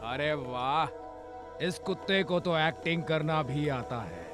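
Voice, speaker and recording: A cocky young hero, music behind. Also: male voice, a little high, slow pace. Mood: taunting. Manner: cocky, taunting. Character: confident young male hero, teasing and fearless. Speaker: dub actor. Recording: film soundtrack with music.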